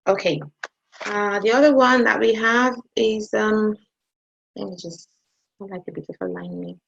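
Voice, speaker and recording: Slow, gravelly-voiced woman maths teacher. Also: medium pitch, very animated, fairly bright tone, highs cut off. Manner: hesitant, checks in with "okay?" often. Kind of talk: online maths lesson.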